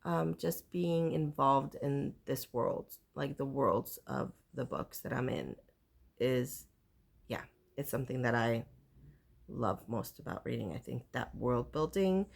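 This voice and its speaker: A woman's voice: extremely low pitch, lively intonation, a little slow, gravelly. A woman from Puerto Rico chatting casually to camera as a book vlogger, rambling with lots of fillers and restarts. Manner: rambling, self-interrupting, many fillers. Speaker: booktuber.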